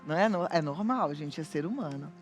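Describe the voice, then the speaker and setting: A woman's voice: low-pitched, lively intonation, fast, faint music behind. A woman with a Brazilian accent hosting a talk show, asking the guest and the audience questions in a chatty way. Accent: Brazilian Portuguese. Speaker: TV show host.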